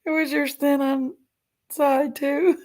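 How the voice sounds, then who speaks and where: Slow and a little mellow, her high-sitting voice shows little pitch movement. In her 40s, she hosts a livestream, frankly chatting, giggling, and reading viewers' comments.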